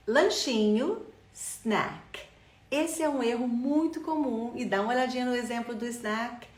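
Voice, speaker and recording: Middle-aged Brazilian woman teacher, fairly high voice, animated repetition drills. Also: reverberant. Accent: Brazilian Portuguese. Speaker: English teacher. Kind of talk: energetic English pronunciation lesson.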